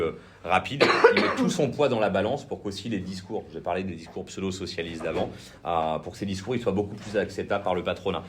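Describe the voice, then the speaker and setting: In a very noisy recording, a deep-voiced man with a French accent delivers an informal political training talk indoors in a session room. He sounds hesitant, restarting often and filling pauses.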